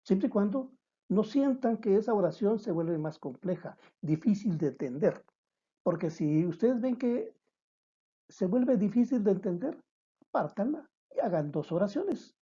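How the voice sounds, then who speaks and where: A woman lectures on writing in a slow, unhurried way, taking students through each step and counting words aloud. Her voice is very dark and mellow, a little husky, and the recording sounds dull and lo-fi. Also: medium pitch, animated. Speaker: writing teacher.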